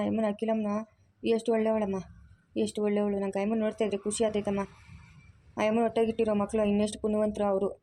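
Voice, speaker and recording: A woman voicing a bossy, caring middle-aged village aunt, in a loud, scolding, teasing manner. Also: mid-range voice, close to an everyday voice.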